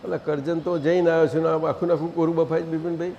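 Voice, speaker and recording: A man leading a satsang, gently directing the audience and asking them questions. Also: a little high, level tone, fast, lo-fi sound, a little hiss or hum. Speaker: spiritual teacher leading a satsang. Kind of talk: conversational religious gathering talk. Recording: long hall reverb.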